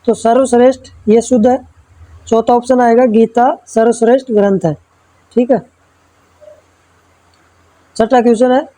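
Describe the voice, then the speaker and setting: A woman teacher works through exam practice questions in a steady, step-by-step way, checking in with her listener as she goes. Her voice sits a little high with a soft, mellow tone. The recording is close and dry. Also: dry recording, poor audio. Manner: reads each question then explains answer step by step; checks in with frequent tag questions. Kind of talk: exam-prep lesson.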